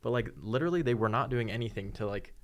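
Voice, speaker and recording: A man's voice: mid-range voice, expressive, fast talker. A young man co-hosting a casual podcast, rambling and scattering fillers through his sentences. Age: young adult. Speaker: podcast co-host. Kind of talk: casual chat.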